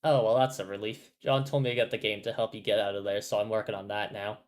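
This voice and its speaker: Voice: mid-range voice, flat delivery, fast, natural voice. A reader voicing a laid-back but uneasy teenage boy who rambles and swears casually. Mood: rambling.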